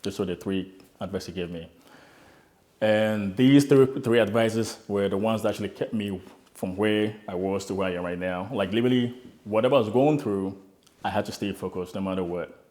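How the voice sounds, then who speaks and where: A young man from Ghana, an immigrant start-up founder, earnestly tells his own immigrant story in an interview, reflecting on his experience. He often repeats words as he restarts. His voice is fairly low and darkish, at a moderate pace.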